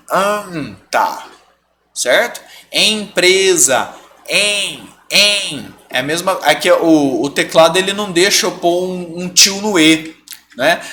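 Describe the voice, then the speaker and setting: A man's voice: high voice, sharp tone, slight background noise. A man teaching a live online lesson, patiently stretching out example sounds and often checking that students follow.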